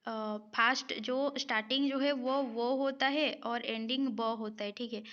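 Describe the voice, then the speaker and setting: In a high, steady, fairly bright voice, a woman teaching Hindi grammar works slowly through a spelling lesson for exam preparation. Each answer choice is read aloud, the correct one is repeated, and she checks in before the next. Sound quality is a little dull and lo-fi.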